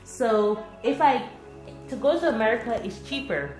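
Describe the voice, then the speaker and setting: A woman from Barbados leads a relaxed classroom discussion, chatty and encouraging with her students. Her voice sits in a middle register and carries a noticeable room echo. Music plays clearly in the background. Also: on the high side, normal speed. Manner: chatty, encouraging, laughs often. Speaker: teacher.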